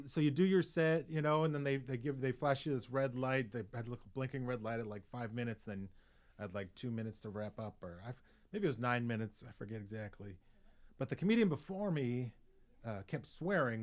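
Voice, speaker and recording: A man, a comedian, telling a story on a podcast, acting out the voices of people he quotes and chuckling as he goes. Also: mid-range voice. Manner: chuckles through his story.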